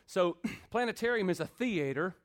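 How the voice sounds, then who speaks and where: Pastor, high voice, preaching in rhythmic repeats, gets loud then goes soft. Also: male voice, lively intonation, moderate pace. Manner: rhythmic repetition with call-and-response asides; swings from loud build-ups to quiet intimate talk. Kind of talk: sermon.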